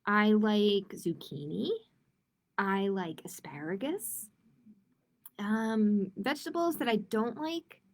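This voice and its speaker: Speaking slowly at a medium pitch, this adult children's library host reads picture books expressively during a live-streamed online storytime for young kids. She adds informal asides to the people watching.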